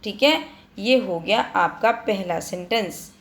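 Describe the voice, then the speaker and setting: Woman teacher, patient explainer, mid-pitched voice, talks straight to her students, voice-over for a screen lesson. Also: a little slow. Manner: patient, addresses students directly, repeats points.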